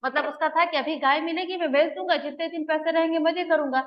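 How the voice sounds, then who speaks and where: A woman's voice: high voice, fairly even intonation, quick pace, dull audio. A woman retelling and explaining a drama scene for students, moving between quoted dialogue and plain explanation. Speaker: teacher explaining a play.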